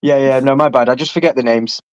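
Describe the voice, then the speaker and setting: A man's voice: mid-range voice, fairly even intonation, fast, no room sound. A man chatting casually as a panellist on a livestreamed show. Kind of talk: casual chat. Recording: dull lo-fi microphone.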